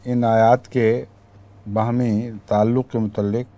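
Male teacher, mellow low tone, methodical classroom explanation, checks in with listeners. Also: flat delivery. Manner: explains patiently, pausing to question listeners.

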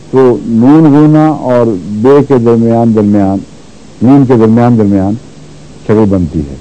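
A man teaching Quran recitation rules, explaining patiently and repeating words slowly to show how they are pronounced. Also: medium pitch, warm tone, muffled recording. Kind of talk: religious lesson on Quran recitation.

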